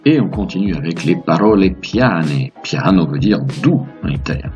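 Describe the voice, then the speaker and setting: A man's voice: sits low, very animated, normal speed, darkish tone, lo-fi sound, faint music behind. A man hosting a language lesson, explaining grammar to viewers in an upbeat, patient way with playful asides. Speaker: language teacher, host.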